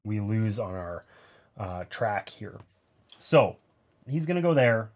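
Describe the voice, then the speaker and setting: A man in his thirties, nasal-voiced and lowish in pitch, speaks slowly with lively intonation. Seated at an indoor gaming table, he casually walks through a board game play-through, explaining every move with wry asides.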